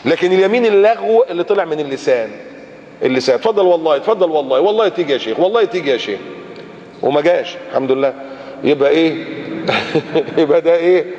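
A man with an Egyptian Arabic accent preaching a colloquial sermon, animated and acting out everyday speech. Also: on the high side, quick pace. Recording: muffled lecture-hall recording with long reverb.

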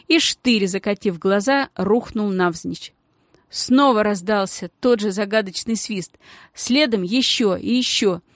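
A woman narrates a children's adventure audiobook in a steady, expressive voice of middle pitch. The sound is dry and close, with no room echo. She reads at an even storytelling pace. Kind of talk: scripted narration.

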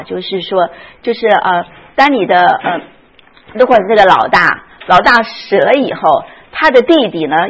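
A woman's voice: on the low side, slightly rough, poor audio. A woman teaching a Sunday school Bible class, often asking the class questions and retelling scenes with feeling.

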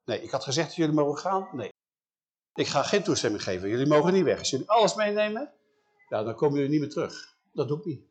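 A man voicing a stubborn, proud king who brushes off every warning in a quick, lower voice. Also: very animated. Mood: refusing.

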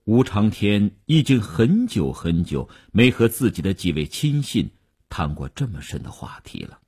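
A man narrating a novel in a measured, dramatic storytelling manner. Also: lowish voice, big pitch swings, darkish tone, breathy edge. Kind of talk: audiobook narration.

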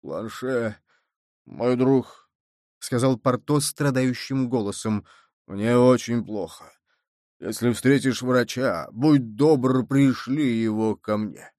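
A man's voice: medium pitch, slow, darkish tone, dry recording, lightly acted. A man reading as a big wounded musketeer, groaning and weak, with a pained voice. His lines come close and dry, with no room sound. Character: suffering wounded male musketeer, big and hearty.

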